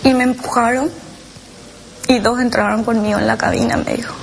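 Woman, mother, emotional personal testimony, halting speech with restarts, slightly high voice, vocal fry. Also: steady tone, a little hiss or hum, low-quality recording. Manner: halting, quotes dialogue, many restarts and tag questions. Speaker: mother recounting her child's experience.

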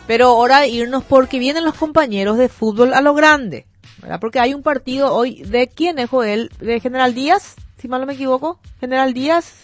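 A woman's voice: high-pitched, normal speed, faint music behind. A woman with a Paraguayan Spanish accent hosting a radio show, chatting casually and reading listener messages aloud. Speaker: radio host. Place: radio studio.

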